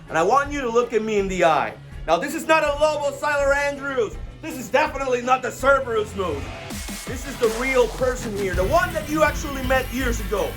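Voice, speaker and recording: Over prominent music, a very high-voiced man with as his cuts a wrestling promo. His delivery is emphatic and confrontational, aimed straight at his rivals. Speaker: professional wrestler, tag team partner. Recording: loud music behind the voice.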